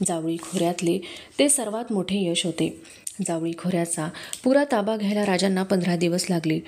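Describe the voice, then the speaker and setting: Woman audiobook narrator, warm and mellow, even storytelling. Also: on the low side, fairly quick, a little hiss or hum. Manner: steady storytelling. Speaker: audiobook reader. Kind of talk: scripted narration of a historical novel.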